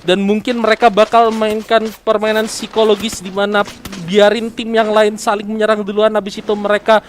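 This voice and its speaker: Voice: mid-range voice, little pitch movement, normal speed, slight background noise. An Indonesian esports commentator calls the action like a fighting game announcer. The delivery is dramatic and swells on key moments. Gunfire and clicks from the game sit faintly behind the voice. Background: game gunshots and clicks.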